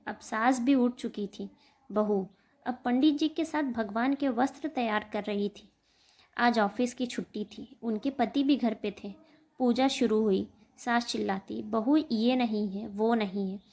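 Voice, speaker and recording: A woman narrating an emotional family story in a steady storytelling manner. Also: fairly high pitch.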